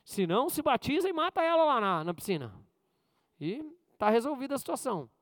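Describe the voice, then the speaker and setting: The speaker is a male pastor whose conversational sermon is full of jokes and personal tales; he keeps asking the congregation questions and swings from loud, high bursts to quiet asides. He sounds very animated and brisk, with no room sound.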